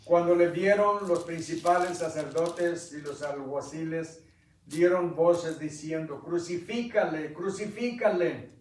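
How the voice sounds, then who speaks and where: A man preaching an impassioned sermon, quizzing the congregation and building to loud climaxes. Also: on the high side, fairly even intonation, slow. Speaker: pastor. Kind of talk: sermon with Bible reading. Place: church sanctuary. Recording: echoey church, mic at a distance.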